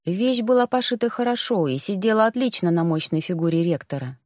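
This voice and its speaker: A woman narrating a first-person fantasy audiobook in a lively, expressive manner. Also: on the low side, brisk, dry recording, clean studio sound.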